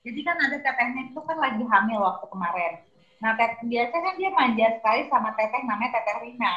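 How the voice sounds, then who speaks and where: A woman in casual conversation, talking about her child and lively acting out the things people say to him. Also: a little high, quick pace, roomy sound, lo-fi sound, faint music behind. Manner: lively, acts out quoted dialogue. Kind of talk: casual chat.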